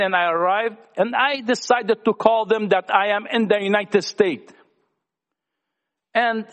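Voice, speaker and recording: High-voiced man giving testimony. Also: fairly bright tone. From Lebanon. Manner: talkative storyteller, earnest, addresses young people. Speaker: church member sharing testimony. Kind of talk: personal testimony talk. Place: church gathering. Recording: echoey hall.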